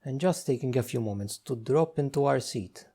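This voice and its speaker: A man leads a guided meditation in a dark, husky, relaxed voice of medium pitch. His gentle instructions come in short phrases, with unhurried pauses between them.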